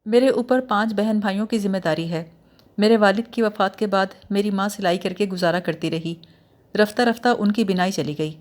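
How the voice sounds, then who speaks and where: A woman's voice: mid-range voice, darkish tone, natural voice. A woman voicing an anxious young schoolteacher who supports her family, curt and defensive.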